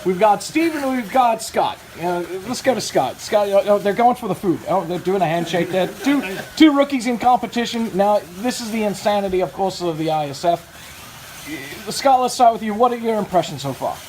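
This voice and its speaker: A man's voice: sits high, lively intonation, normal speed, darkish tone. Upbeat guy calling heat races, lots of uhs, food sizzling behind. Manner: chatty, filler-heavy, upbeat. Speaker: race commentator. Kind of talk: hobby race commentary. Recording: noisy event with frying food behind.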